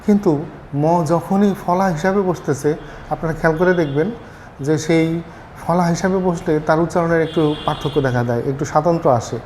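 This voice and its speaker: A man's voice: on the high side, a little fast, a little mellow, slight background noise. A man teaching a lesson on pronunciation, explaining step by step and often checking that listeners follow. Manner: patient, explanatory, repeats "ঠিক আছে?" to check understanding; fillers and self-corrections. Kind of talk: spoken lesson on Bangla pronunciation.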